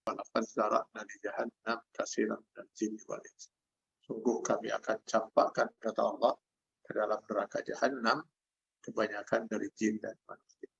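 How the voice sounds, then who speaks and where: A man's voice: fairly low pitch, level tone, normal speed, creaky, a bit bright, husky. An older man with an Indonesian accent, preaching a sermon over a video call, reciting Arabic verses and then explaining them. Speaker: Islamic preacher. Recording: dull lo-fi video call audio.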